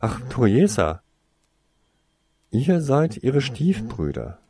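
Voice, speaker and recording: Sharp-tongued teen wizard, read by a man, sarcastic, animated pitch. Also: extremely slow, slight background noise, full character voice. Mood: defiant. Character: defiant teenage boy wizard, sharp-tongued.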